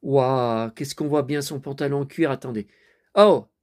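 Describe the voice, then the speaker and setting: A man's voice: mid-range voice, measured pace, darkish tone. A man giving a casual running commentary while watching a DVD, chatty, often turning to his viewers and muttering to himself when flustered. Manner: chatty, keeps addressing viewers with tag words. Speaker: vlogger reviewing a DVD.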